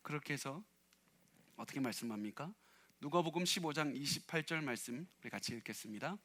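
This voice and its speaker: A male pastor preaching a Sunday sermon dramatically, acting out quoted lines with sudden loud outbursts and quiet drops. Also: on the high side, expressive, brisk. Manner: dramatic, acts out quoted speech with big swings in loudness. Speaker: senior pastor. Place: church sanctuary.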